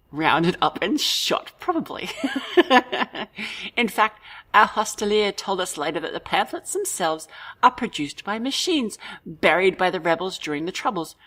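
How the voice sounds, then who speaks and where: A woman's voice: mid-range voice, a bit bright. A woman hosting a let's play, reading game text aloud with dry, amused side comments.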